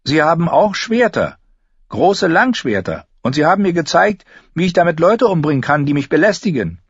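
A man voicing a stubborn, fierce young girl in an audiobook, with sharp, insistent outbursts. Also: medium pitch, huge pitch swings, normal speed, husky, dry recording, muffled recording, voice pushed up. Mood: defiant.

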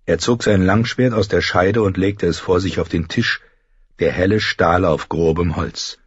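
Husky man narrating an audiobook. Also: deep voice, unhurried, no echo. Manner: expressive storytelling. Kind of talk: scripted narration. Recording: dry, dull lo-fi audio.

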